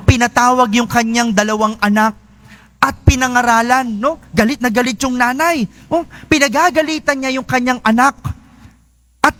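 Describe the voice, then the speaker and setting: A priest giving a conversational homily in a church, often asking his listeners "no?" and slowing down to stress key phrases. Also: extremely high pitch, a bit bright. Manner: conversational preaching with frequent "no?" tag questions.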